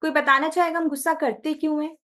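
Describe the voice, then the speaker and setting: High-voiced Indian woman teaching online. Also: little pitch movement, quick pace, a bit bright. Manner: asks the class short check questions. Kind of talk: online class lesson. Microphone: video call.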